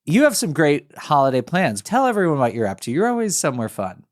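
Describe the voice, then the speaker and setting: Lively male podcast host. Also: on the high side, fast talker. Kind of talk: casual hosting chat.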